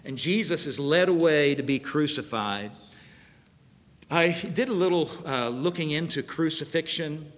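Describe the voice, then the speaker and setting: Pastor guy preaching, kinda high voice, lots of church echo, reads verses out loud. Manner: earnest preaching, pausing to read verses aloud. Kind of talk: sermon with scripture reading.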